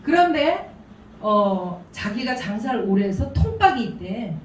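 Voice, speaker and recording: A woman gives a business seminar talk, telling anecdotes with laughing asides. Her voice is high and swings widely in pitch. It echoes through the room from a mic set at a distance. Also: measured pace, a little hiss or hum. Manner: animated, storytelling, laughing asides. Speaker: seminar speaker. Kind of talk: business presentation.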